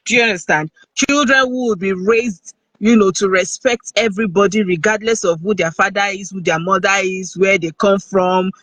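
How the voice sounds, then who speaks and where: Husky Nigerian man, higher voice. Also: a bit bright, no room sound, poor audio. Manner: earnest, conversational, checks in with the listener. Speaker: guest speaker. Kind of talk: casual live-stream talk. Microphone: video call.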